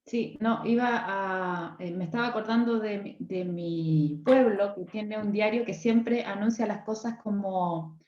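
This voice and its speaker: A woman's voice: medium pitch, measured pace, few pauses, a little mellow. Hesitant woman student. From southern Chile, Patagonia. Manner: hesitant, searching for words. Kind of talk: class discussion. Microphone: video call. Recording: echoey room, lo-fi video call.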